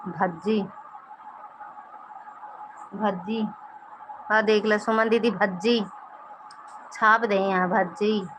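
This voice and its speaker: A woman's voice: mid-range voice, noisy background. A woman with an Awadhi accent chatting casually on a live stream, reading out viewers' comments and teasing them. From Pratapgarh, Uttar Pradesh, India.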